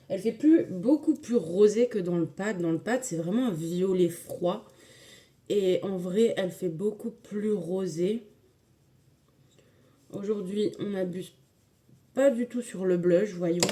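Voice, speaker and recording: A woman's voice: lowish voice, warm tone, a little hiss or hum. A woman casually talking viewers through a makeup tutorial, chatty and enthusiastic, with frequent hesitations. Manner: chatty, filler-heavy, enthusiastic about products.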